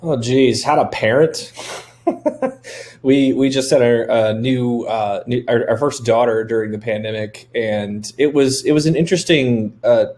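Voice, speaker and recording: A man in his thirties speaks on a webinar panel with a mid-range pitch. He rambles a little, is candid, and jokes at his own expense. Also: a little slow, a little mellow. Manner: candid, rambling, self-deprecating humor. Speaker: software developer, company founder. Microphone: video call.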